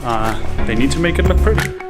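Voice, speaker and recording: A man's voice: medium pitch, lively intonation, moderate pace, over loud music. A man co-hosting a travel vlog, talking casually and enthusiastically to camera.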